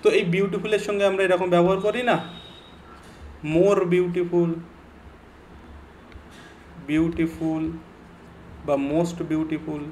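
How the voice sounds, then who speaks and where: A young male English grammar teacher with a Bengali accent, explaining an online exam-prep lesson and reading English example sentences slowly and deliberately. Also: high-pitched, flat delivery, a little mellow, slight background noise.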